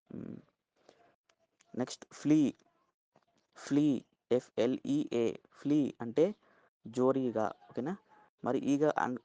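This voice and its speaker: A man's voice: medium pitch, gravelly, warm tone, no room sound. A man with a Telugu accent teaching a vocabulary lesson, spelling words out letter by letter and checking in with "okay?" after each one.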